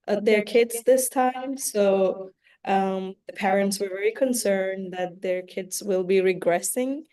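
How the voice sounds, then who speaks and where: Woman from Bangladesh, council member, meeting report, unhurried, warm low tone, hesitant fillers. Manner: soft-spoken, hesitant with many fillers.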